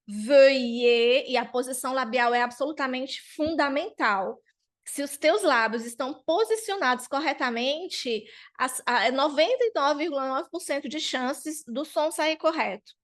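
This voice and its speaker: A woman teaching French pronunciation patiently, checking in often with her students and drawing out model sounds slowly. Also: high-pitched, fairly bright tone. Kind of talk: online language lesson.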